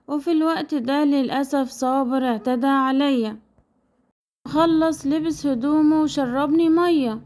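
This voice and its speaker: Young woman storyteller, Egyptian Arabic accent, high and mellow voice, earnest dramatic first-person narration.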